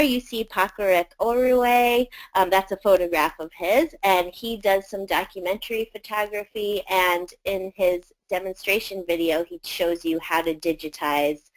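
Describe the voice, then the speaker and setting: A woman with a slightly low voice walks teachers through a set of arts education videos. She talks casually and fills her pauses with small hesitations. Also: rough recording. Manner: conversational, with frequent fillers. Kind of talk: presenting video series to teachers.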